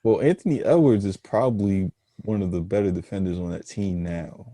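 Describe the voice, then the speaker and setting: A young man co-hosting a casual sports podcast, laid-back and slow to start his points. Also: deep voice, dark tone, no echo. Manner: laid-back, hesitant with fillers. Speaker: podcast co-host.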